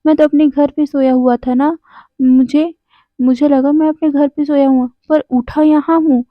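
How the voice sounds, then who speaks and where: A woman voicing a whiny, dramatic young man who complains and pleads loudly. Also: high-pitched, fairly even intonation, moderate pace, no echo, dull audio, lightly acted. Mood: whining.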